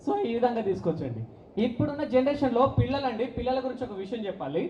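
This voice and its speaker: A man performing stand-up comedy, telling jokes in an animated storytelling manner. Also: very high-pitched, fast, a little hiss or hum. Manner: animated storytelling with voices and dog-bark impressions. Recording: echoey hall, muffled audio.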